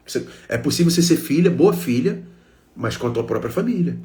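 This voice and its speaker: A man's voice: medium pitch, lively intonation, brisk, a little mellow. A man with a Brazilian Portuguese accent giving an emotional self-help talk, speaking emphatically to his listeners in short repeated phrases.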